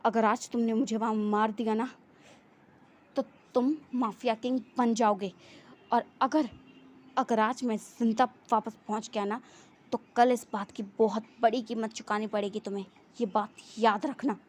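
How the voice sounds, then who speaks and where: Woman playing a vengeful mafia boss, threatening, taunting, fairly high voice. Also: fairly even intonation, measured pace. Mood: menacing. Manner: threatening, taunting, shouts in bursts.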